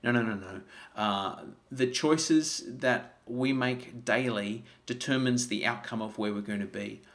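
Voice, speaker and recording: A health vlogger in his 40s delivers a live-streamed motivational talk with earnest conviction. His mid-pitched voice has a fairly bright tone and measured pace, and he often repeats words and restarts sentences as he thinks aloud.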